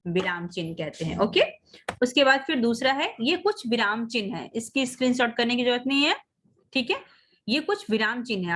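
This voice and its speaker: Woman teacher, high voice, online class over a video call, slow drawn-out examples. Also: fairly bright tone. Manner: coaxing, addresses children as beta.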